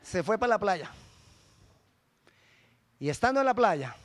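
A middle-aged male pastor preaching a sermon, lively and emphatic, acting out the church members he quotes. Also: high voice, measured pace. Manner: animated preaching, rising to loud emphatic peaks.

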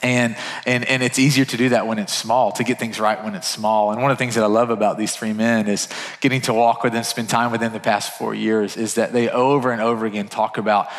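A man's voice: lowish voice, steady tone, brisk. A male pastor speaking casually at a pulpit microphone, upbeat and full of fillers and restarts. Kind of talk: church announcement from the front. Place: church sanctuary. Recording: long church-hall reverb.

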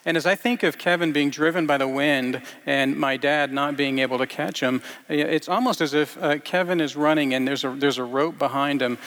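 Man, preacher, gravelly voice, hesitant sermon delivery, echoing church hall. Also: fairly high pitch, fairly bright tone. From grew up partly in Iceland. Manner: halting, many fillers and restarts. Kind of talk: scripture reading and sermon.

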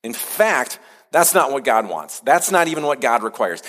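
A man preaching a conversational sermon as a pastor, animated when he acts out scripture. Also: medium pitch, moderate pace. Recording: hall reverb.

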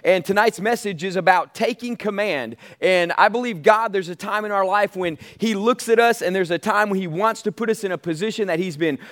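An American man delivers a sermon in a high-pitched voice. He exhorts his listeners like a pastor, pressing key phrases by repeating them and calling for agreement. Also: fairly quick, hardly any pauses, fairly bright tone. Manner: exhortative, calls on listeners to say amen; emphatic repetition of key phrases. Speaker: pastor preaching to a congregation.

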